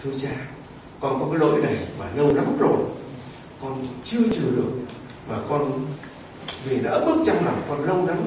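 A man voicing a stubborn, resentful aging father who confesses to a priest in a low, grumbling voice that turns heated, heard far off in an echoey church. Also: a little mellow, slight background noise, close to an everyday voice.

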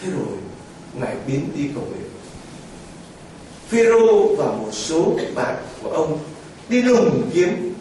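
A man's voice: fairly high pitch, very animated, unhurried, long pauses, mellow, slight background noise. A man preaching a sermon as a priest, telling the story with exclamations and vivid storytelling. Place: church. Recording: echoey church heard from far off.

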